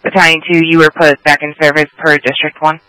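A man's voice: a little high, flat delivery, brisk, bright, forceful tone, clean tone, dry recording, rough recording. A man working as a fire dispatcher, speaking in clipped procedural phrases over a two-way radio.

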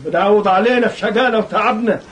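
Resigned merchant: Egyptian, husky, high and quick, submissive, period audio drama. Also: male voice, fairly bright tone. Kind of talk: historical audio drama acting.

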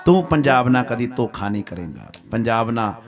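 A man voicing a proud grieving queen who calls out commands and shouts an oath. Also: mid-range voice, lively intonation, brisk, music in the background, close to an everyday voice. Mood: shouting.

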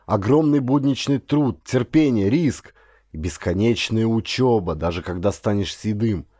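This fairly low, husky, mellow male voice is unhurried and captured in a clean studio with no echo. A professional actor delivers dramatic audiobook narration from a script like a storyteller, then turns to address the audience directly.

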